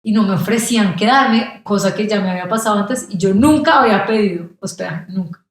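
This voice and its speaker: A woman's voice: mid-range voice, brisk. A young Colombian woman, a podcast guest, telling a travel story in casual conversation and acting out the voices of people she met. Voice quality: animated, acts out quoted voices. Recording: very echoey room.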